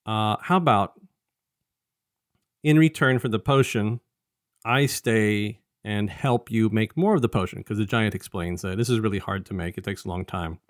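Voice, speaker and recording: The clean, dry studio recording captures a male podcast co-host with a low voice and moderate pace. Reviewing an audio drama, he rambles through a casual retelling of its story, now and then paraphrasing what characters said.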